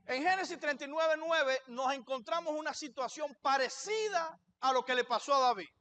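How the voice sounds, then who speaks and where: Male pastor, very high voice, preaching a sermon in church, asks questions and answers them himself. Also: normal speed, pushed and bright.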